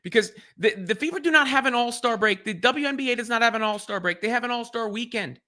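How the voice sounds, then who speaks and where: A male sports commentator reacting on his own, earnest and thinking aloud, with frequent restarts. His voice sits high and rings bright and forward. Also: fast. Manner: earnest, repeats and restarts phrases while thinking.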